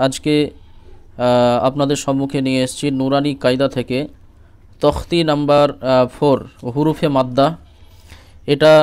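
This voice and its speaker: Clear-voiced man teaching Quran letters. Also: a little high. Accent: Bengali. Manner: patient, repeats letters and asks "ঠিক আছে?" often. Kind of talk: step-by-step recitation lesson.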